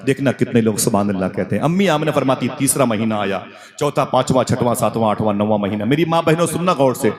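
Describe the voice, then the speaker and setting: A man's voice: medium pitch, animated, fast talker. A man preacher giving an emotional religious sermon, telling the story dramatically and calling on the crowd to respond. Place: religious gathering before a crowd. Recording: live gathering with crowd audible.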